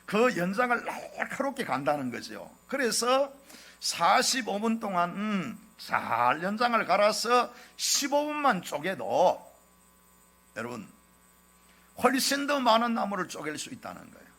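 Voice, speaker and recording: A middle-aged male pastor with a Gyeongsang accent preaches in a high, bright voice that swings widely in pitch. He presses his points with rhetorical question after rhetorical question to the congregation. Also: huge pitch swings, measured pace. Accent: Gyeongsang Korean. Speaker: senior pastor. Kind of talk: sermon.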